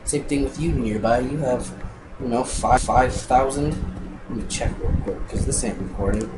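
A man's voice: medium pitch, normal speed. A young man narrating his block-game footage in a casual, annoyed, rambling way, swearing as he talks. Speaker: gameplay narrator. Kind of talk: casual let's-play narration. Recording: noisy recording.

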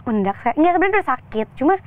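A young woman actress, a guest in an interview, talking openly and telling a personal story in a chatty, animated way with quoted voices. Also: high voice, rapid-fire. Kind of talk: candid interview talk. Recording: tinny phone-like sound.

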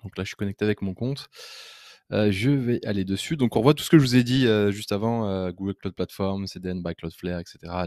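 Chatty low-voiced man demoing software. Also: vocal fry, dry recording, studio quality. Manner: chatty and enthusiastic, hesitant with many fillers. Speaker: web design trainer. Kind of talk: casual screen-recorded software demo.

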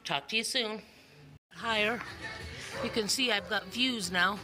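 Heard over music in a low-quality recording, a middle-aged woman speaks at a measured pace with a medium-pitched voice. She's a vlogger chatting casually and emphatically to a camera or phone at arm's length, frequently repeating words for effect. She's mostly outside on hilly town streets, sometimes indoors.

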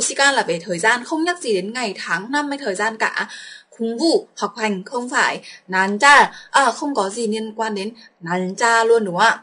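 A Vietnamese woman teaching a Korean exam walkthrough, coaxing her students with quick questions. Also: on the high side, bright, forceful tone, breathy edge.

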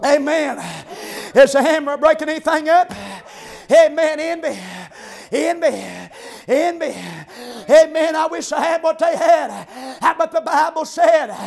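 With an extremely high, fry-laden voice and a slightly slow delivery, a man preaches a revival sermon in church. He shouts in a chanting rhythm, punctuating each phrase with "amen" and a rhythmic "ah."

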